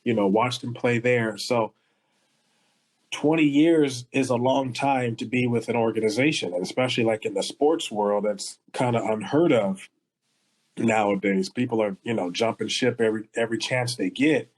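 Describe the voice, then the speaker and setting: Heartfelt co-host from Los Angeles. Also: male voice, medium pitch, normal speed, rough recording. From Los Angeles area. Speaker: podcast co-host. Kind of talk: casual podcast conversation.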